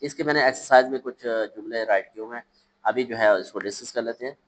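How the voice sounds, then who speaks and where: A man teaching a children's English lesson, reading English words slowly and explaining them, with hesitations and self-corrections. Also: medium pitch, poor audio.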